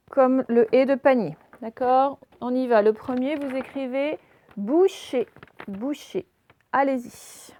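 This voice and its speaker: A woman's voice: on the high side, mellow. A woman primary school teacher giving a remote lesson to young children, patiently spelling out letters and explaining each step as she writes. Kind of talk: remote class lesson, dictating and writing.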